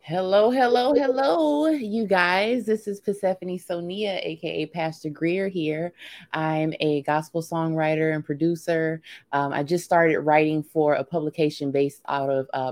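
A woman's voice: deep voice, a little mellow, no echo. A woman pastor and songwriter co-hosting a casual chat, bubbly and playful with frequent laughter. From Alabama.

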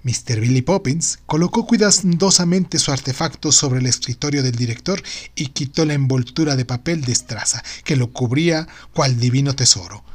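A man's voice: mid-range voice, moderate pace, breathy edge. A man reading a humorous short story as scripted narration, in the role of storyteller.

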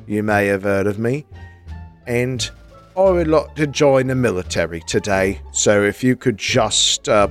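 A man's voice: mid-range voice, voice pushed down, close to an everyday voice. Man voicing Jeff, a pompous English talking mongoose. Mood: earnest. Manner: pompous, excitable, rambling. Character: brash eager male talking mongoose. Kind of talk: improvised comedy sketch.

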